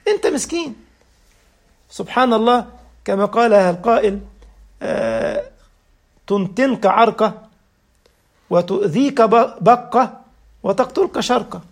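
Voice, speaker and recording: A man's voice: high voice, vocal fry. A man with an Egyptian Arabic accent, giving a humorous religious talk as a preacher and laughing through his jokey anecdotes.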